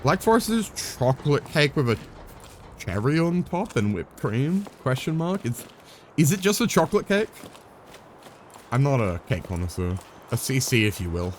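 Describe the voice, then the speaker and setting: A man's voice: mid-range voice, sing-song, normal speed, slight background noise. A young man live-streaming a game, chatting casually in a rambling way, swearing freely, with wry asides to his viewers.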